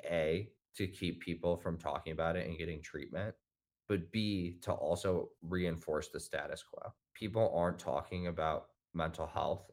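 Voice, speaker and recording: A man with a notably low, deep voice speaks as a podcast guest. He talks with passion in a casual, conversational way. He leans heavily on "like" as a filler word. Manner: impassioned, heavy use of "like" fillers.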